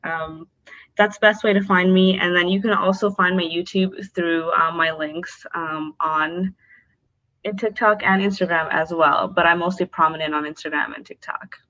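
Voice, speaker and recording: Her voice is on the low side, pushed and bright, with fairly even intonation at a normal speed, captured in dull audio. She's a young podcast guest from North Dakota, born in Bangladesh, answering candidly and openly with frequent "um" and "like."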